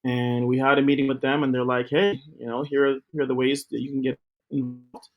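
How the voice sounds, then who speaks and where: A man's voice: medium pitch, little pitch movement, fairly quick, phone-quality sound. A middle-aged man giving an upbeat, promotional account of his TV company as an interview guest, with a few fillers. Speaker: guest, TV co-founder. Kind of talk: interview talk.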